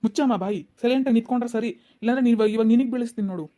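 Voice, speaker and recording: A woman's voice: on the high side, steady tone, racing, warm tone, lightly acted. A woman voicing a stern male police officer who scolds and threatens people in a cartoon. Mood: scolding. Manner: scolding, bossy.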